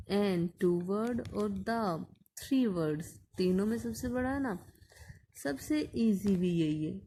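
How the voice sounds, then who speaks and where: A woman's voice: mid-range voice, dark tone, a little hiss or hum. A woman teacher explaining an English grammar lesson patiently, asking questions and answering them herself.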